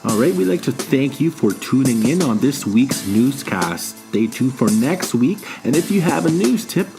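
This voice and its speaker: Relaxed male news host, mid pitch, signing off with clear music behind. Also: normal speed. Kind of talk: casual news broadcast.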